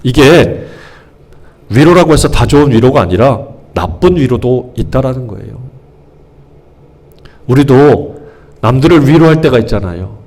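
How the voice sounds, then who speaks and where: A man's voice: medium pitch, animated, unhurried, pauses often, darkish tone. A male pastor giving a conversational sermon to his congregation, asking questions and acting out the voices of people he describes. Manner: conversational preaching, acts out quoted scolding voices.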